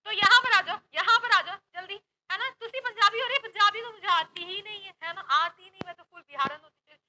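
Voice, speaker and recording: A woman's voice: extremely high pitch, brisk, bright, forceful tone, poor audio. A young woman from Uttar Pradesh with an Uttar Pradesh accent, teaching a maths class online in a chatty, playful, teasing way. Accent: Uttar Pradesh Hindi. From Uttar Pradesh, India. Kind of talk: lively online class, Hindi-English mix.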